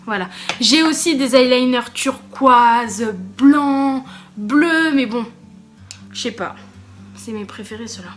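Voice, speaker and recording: Bubbly and easily excited, a woman beauty vlogger talks casually to viewers during a makeup challenge. She has a high voice and takes things slowly, with soft music playing in the background.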